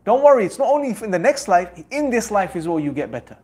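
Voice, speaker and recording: With a darkish tone and a quick, sing-song delivery, a young man pitched a bit above most men urges his listeners on in a motivational religious talk. He is earnest and leans on rhetorical repetition to drive each point home.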